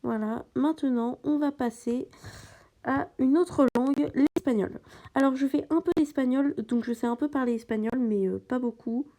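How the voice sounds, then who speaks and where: A woman's voice: sits high, normal speed, mellow. A woman giving casual gameplay commentary, hesitant and full of fillers and restarts as she talks through the game. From French-speaking. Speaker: gaming channel host.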